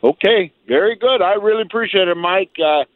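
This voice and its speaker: A man in his seventies calling in to a radio show, chatty and halting as he asks his questions. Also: sits high, no echo. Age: 70s. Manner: chatty, halting, warm-spirited. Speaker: caller. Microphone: telephone. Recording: tinny phone line.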